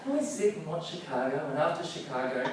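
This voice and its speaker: A man telling a personal story in an animated, self-mocking way with playful comic timing. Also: on the high side, brisk. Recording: echoey hall, distant mic, faint noise.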